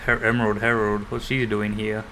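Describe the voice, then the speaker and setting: A man's voice: lowish voice, flat delivery, moderate pace, bright, forceful tone, a little hiss or hum, rough recording. A man streaming a game, chatting casually and joking as he plays. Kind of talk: casual gameplay commentary.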